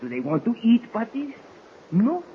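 An actor playing a jolly, boastful French-Canadian woods guide with a put-on accent and broken English, in a 1940s radio drama. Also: male voice, fairly high pitch, big pitch swings, normal speed. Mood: boastful storytelling. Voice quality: broken English, theatrical storyteller. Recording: dull old radio recording, faint hiss.

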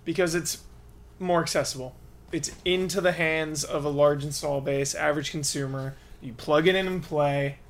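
A man speaks as a panelist in a casual podcast chat. His voice is a little higher than average for a man. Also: fairly even intonation, normal speed.

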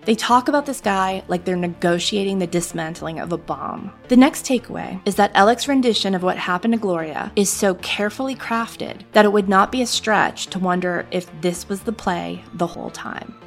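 A woman's voice: mid-range voice, vocal fry. Casting: woman host for investigative news exposé, scripted narration, pointed and skeptical, faint music underneath. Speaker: podcast host.

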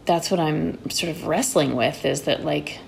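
A woman novelist talks as a guest in a casual chat, often restarting her sentences and filling gaps with "like" and "you know." Her voice sits slightly low. She was raised in New York. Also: creaky, a little hiss or hum. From Connecticut-born, raised in New York. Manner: halting, restarts, many "like" and "you know" fillers. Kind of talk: casual conversation.

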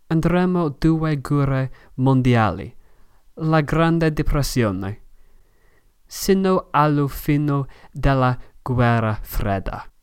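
A male podcast host from England narrates from a script with a clear English accent in his Italian. He goes slowly and haltingly, as a learner does, in a smooth, clean voice. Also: medium pitch, lively intonation. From Manchester, England. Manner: halting, learner's phrasing and pronunciation.

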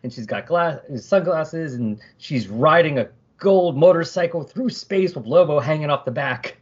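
A man's voice: a little high, expressive, moderate pace, slightly rough, lo-fi sound. A male podcast co-host chatting about a comic issue and reading its captions aloud. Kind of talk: casual comic book discussion.

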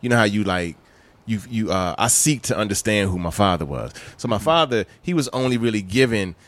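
A man's voice: on the low side, brisk. A man born in the Bahamas, telling stories in a casual chat and acting out the people in them. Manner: animated, laughing, acts out voices. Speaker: guest.

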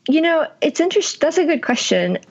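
A woman's voice: high-pitched, very animated, fairly quick. A woman hosting an interview, answering thoughtfully with some hesitation. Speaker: host. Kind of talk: casual interview chat. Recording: dull, muffled audio.

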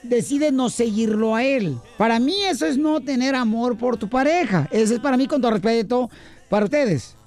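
A man's voice: very high-pitched, normal speed, a little mellow. A man hosting a radio show, joking and teasing his co-hosts. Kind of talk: morning radio banter.

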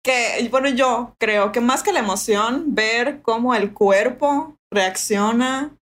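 A woman from Yucatán with a Yucatecan Mexican accent, a guest who works as a birth photographer, talking in a chatty, thoughtful way with many pauses and fillers. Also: on the high side, fairly bright tone. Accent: Yucatecan Mexican Spanish. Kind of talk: casual interview chat.

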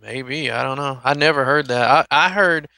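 A man's voice: medium pitch, normal speed, vocal fry, sharp tone, no echo. A man chatting casually as a regular on a geek-culture podcast.

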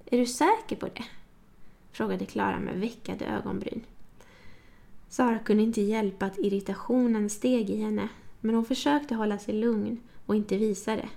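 A woman narrating an audiobook in a calm, even storytelling manner. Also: mid-range voice, gravelly. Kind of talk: scripted narration.

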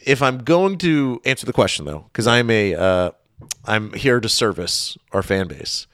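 A man's voice: lowish voice, big pitch swings, measured pace, fairly bright tone, no echo, clean studio sound. A man co-hosting a sports podcast, talking things through casually with fillers and restarts. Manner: conversational, thinking aloud with fillers. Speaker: podcast co-host.

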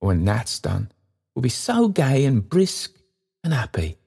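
A man voicing a gentle young woman, a caring daughter who speaks tenderly and soothingly. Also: medium pitch, wildly swooping pitch, unhurried, gravelly, breathy edge, pitched above the performer's own voice, exaggerated voice. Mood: tender, coaxing.

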